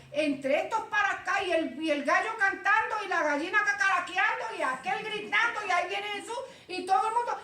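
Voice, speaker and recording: A woman preaching an informal sermon, lively, acting out Bible voices and calling the listeners "brother". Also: very high-pitched. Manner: animated, acts out Bible voices, calls listeners "hermano". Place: church. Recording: echoey room, heard from a distance.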